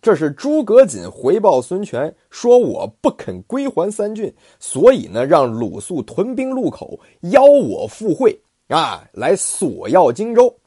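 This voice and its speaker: A man voicing a proud, fearless bearded warrior general in an oral storytelling of a classic tale, declaiming slowly and haughtily in a raised voice. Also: high-pitched, huge pitch swings, mellow, breathy edge, no room sound, studio quality, pitched above the performer's own voice, full character voice. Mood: proud, defiant.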